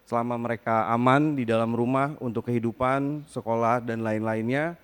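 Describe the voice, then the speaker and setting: A man's voice: mid-range voice, fairly even intonation, normal speed, clear, resonant tone. Male panel guest, hesitant, groping for words, long hall reverb on the voice. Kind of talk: live stage talk.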